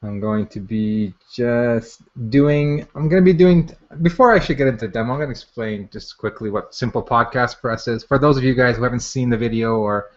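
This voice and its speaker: A man hosts a live product launch webinar in a casual, unscripted way, speaking fairly quickly with hardly any pauses. His mid-range voice informally repeats phrases as he goes. The webinar audio is dull and lo-fi.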